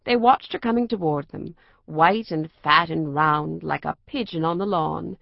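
A woman narrating a children's storybook aloud in an expressive reading voice. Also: deep voice, unhurried, creaky, no room sound, highs cut off.

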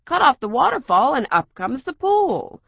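An eager older boy from a storybook , voiced by a woman, who teases his younger siblings with cheer. His lines bounce up and down with excitement. The sound is dry and slightly muffled. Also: sits high, normal speed, gravelly, dry recording, voice pushed up, full character voice. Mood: eager teasing. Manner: enthusiastic, teasing.

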